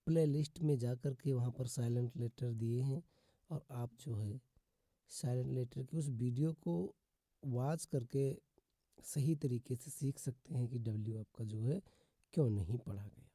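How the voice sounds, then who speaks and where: A man's voice: mid-range voice, dark tone, dry recording. A man teaching English pronunciation in Hindi, repeating rules and drawing out example words. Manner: slow, repetitive teaching with drawn-out example words; addresses viewers as "friends" repeatedly. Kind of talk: Hindi-language phonics lesson.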